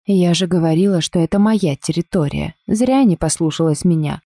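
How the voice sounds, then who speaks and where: A hateful, zealous village woman, preachy and accusing, in a low mellow voice, as a woman reader puts her on. The sound is close and dry, like a storybook reading. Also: normal speed, no echo. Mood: gloating.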